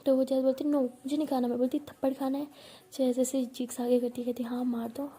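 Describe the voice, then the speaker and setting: Quick-paced and high-pitched, a woman's warm, husky voice barely moves in pitch as she shares a first-person romance. She tells it tenderly and intimately, voicing both partners as she acts out their exchanges.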